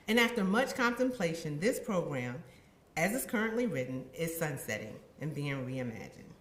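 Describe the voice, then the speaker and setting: Woman, university administrator, ceremony address; expressive, animated delivery, echoey room sound. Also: sits low. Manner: expressive, acts out her own past thoughts. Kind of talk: heartfelt ceremony speech.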